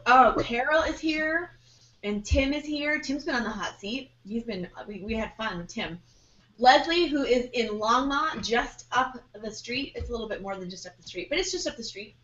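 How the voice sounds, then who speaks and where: A bubbly woman chats excitedly as co-host of a live online show. Her fairly high voice sounds distant and echoey. The audio is dull and lo-fi. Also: moderate pace. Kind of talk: casual live webinar chat.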